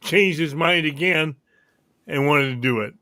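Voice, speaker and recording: A man's voice: a little high, a little slow, sharp tone, dry recording, studio quality. A man on a comedy chat show, telling joking tall tales.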